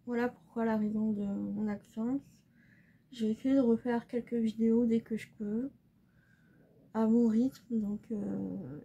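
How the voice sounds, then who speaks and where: A young woman talking casually while doing her makeup at home, soft-spoken and halting, full of pauses and fillers. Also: medium pitch, gravelly, slightly rough. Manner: hesitant, halting, many fillers; soft and subdued. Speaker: beauty vlogger. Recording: slightly dull recording, faint room ambience.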